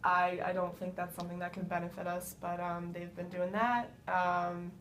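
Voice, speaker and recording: Woman, client in pitch practice, hesitant answers, lowish flat intonation, light background rumble. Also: normal speed. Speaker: practice client acting as a meat business manager. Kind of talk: role-played business conversation. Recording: faint rumbly background noise.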